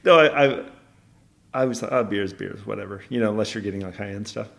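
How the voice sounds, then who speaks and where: Casual young guy, gravelly voice, talks in loose rambling restarts. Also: fairly low pitch, fast. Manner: rambling, hesitant, many restarts. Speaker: podcast co-host. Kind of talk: casual chat.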